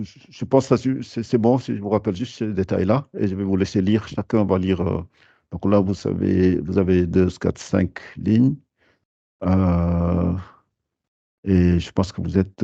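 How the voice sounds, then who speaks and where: A man's voice: low-pitched, gravelly, mellow, no room sound, muffled recording. A man teaching Quran recitation rules to a class, patient and repetitive, stopping often with fillers and restarts. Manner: hesitant, many fillers and restarts; patient, repeats rules and reminders. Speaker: tajwid teacher. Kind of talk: live class explanation.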